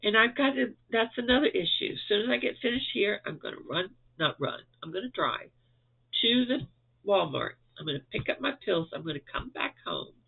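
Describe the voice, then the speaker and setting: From his home, a Florida crochet vlogger with a stuffy nose and fading voice offers a rambling, chatty update full of chuckles. He speaks briskly and expressively in a high, gravelly, slightly rough voice, the recording tinny as a phone.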